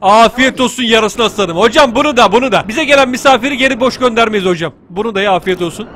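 Man, very high voice, bright and forceful, joking let's play commentary, excitable. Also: fast talker, slight background noise. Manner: joking, teasing, excitable outbursts. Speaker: gaming YouTuber.

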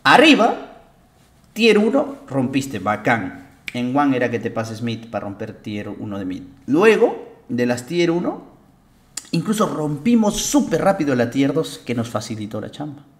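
A young man coaching players through a match replay. His talk is blunt, emphatic and salted with profanity. His pitch swings widely as he drives each point home. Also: very animated, moderate pace. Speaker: game coach and streamer. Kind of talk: casual game analysis commentary.

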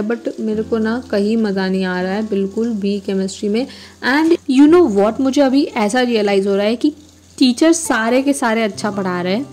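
A woman's voice: mid-range voice, darkish tone. A young adult woman narrating her study day in a casual, rambling way, often correcting herself. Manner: chatty, rambling, self-correcting. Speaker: vlogger, exam student.

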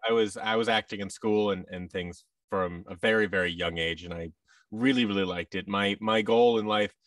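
In his thirties, an American man chats casually as an interview guest, rambling and poking fun at himself; he's an actor and audio drama producer. His voice is fairly low and a bit bright at a normal speed, captured cleanly and without echo, from a distance, in a large indoor office over a video call using a boom-arm mic and headset.

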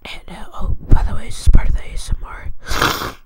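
A young man hosting his channel in a hesitant whispered role-play, rambling and jokey, with many fillers and restarts. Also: a little fast. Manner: jokey, crude. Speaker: channel host. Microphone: close mic.

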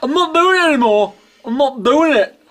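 Panicky high-voiced man. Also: expressive, fairly quick, a bit bright. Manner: whiny, panicky, repeats himself.

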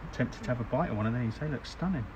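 A man's voice: medium pitch, rapid-fire. A man running a live outdoor cooking demonstration, chatting casually and laughing as he cooks and eats. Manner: chatty, talks while eating, laughs often. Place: outdoors by a barbecue grill. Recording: noisy outdoor background.

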